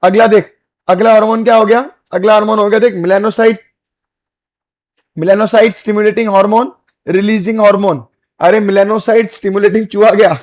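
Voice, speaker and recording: A male biology teacher giving an exam-prep lecture, repeating key terms slowly and quizzing students with call-and-response questions. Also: sits high, fairly even intonation, darkish tone. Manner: repetitive call-and-response questioning, calls students beta and bhai.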